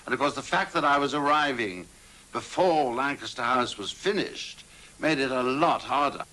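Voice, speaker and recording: Former governor, man, bright tense voice, faint hiss. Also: mid-range voice, moderate pace. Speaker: colonial governor. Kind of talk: interview recollection.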